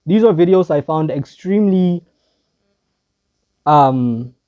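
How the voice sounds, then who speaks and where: A man's voice: fairly high pitch, lively intonation, takes it slowly, highs cut off. A man making casual reaction commentary for his video channel, rambling and hesitant, with a self-deprecating, wandering way of talking. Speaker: video creator.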